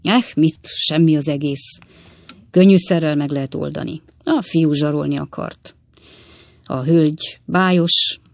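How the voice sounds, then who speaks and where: Woman reading a smooth-talking storybook swindler: theatrical, clipped, low and gravelly. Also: dry recording, studio quality. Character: glib scheming male swindler, theatrical.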